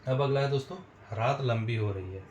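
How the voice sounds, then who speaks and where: A man teaching a spoken English lesson, explaining patiently and repeating phrases slowly for his viewers. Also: medium pitch, a little mellow, roomy sound, dull audio, a little hiss or hum. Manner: slow, repetitive explaining, addresses viewers as friends.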